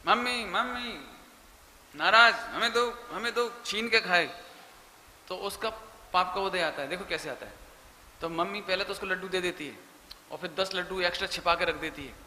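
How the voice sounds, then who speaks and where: High, sharp-voiced man preaching in an echoey hall. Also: fairly quick, pauses often. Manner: animated, emphatic, addresses listeners directly. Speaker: Jain preacher. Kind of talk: sermon. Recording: echoey hall with faint noise.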